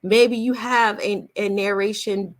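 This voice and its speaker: A woman with a medium-pitched, fairly even and unhurried voice hosts a live Q&A as a voice-over coach. In a casual question-and-answer chat, she explains things emphatically, point by point, repeating herself for emphasis.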